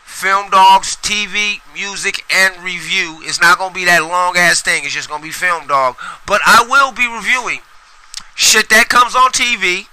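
Middle-aged male podcast host, high bright voice, rambling profane solo rant. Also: fairly even intonation, moderate pace, poor audio. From Sacramento, US. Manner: profane, rambling, emphatic with repetitions.

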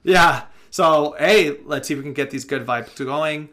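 A man co-hosting a casual sports podcast, talking loosely with swearing and bursts of excitement. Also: fairly high pitch, unhurried. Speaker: podcast co-host.

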